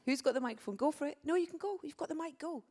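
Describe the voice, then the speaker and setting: A woman moderating a press conference, reading out questions and briskly directing the room. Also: sits high, darkish tone.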